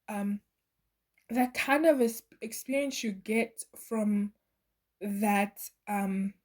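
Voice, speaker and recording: A woman's voice: fairly high pitch, a little mellow. A woman giving a channeled tarot reading to her viewers, earnest and meandering, with many fillers and restarts. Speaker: tarot reader.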